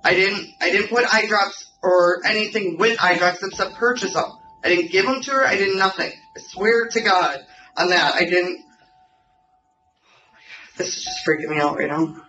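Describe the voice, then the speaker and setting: A woman's voice: lowish voice, normal speed, bright, forceful tone. A woman answering police questions as a suspect, defensive and pleading, repeating herself insistently. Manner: insistent, repetitive denials. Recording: muffled, distant interrogation recording, music behind.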